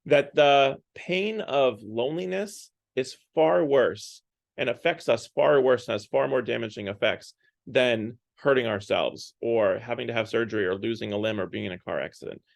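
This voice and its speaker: A man's voice: medium pitch, normal speed, creaky, no room sound. A man leading a parish Lent series, giving a casual talk and often checking in with "right?" and "like". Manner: conversational, often adds "right?" and "like". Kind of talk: casual Lenten talk on a book.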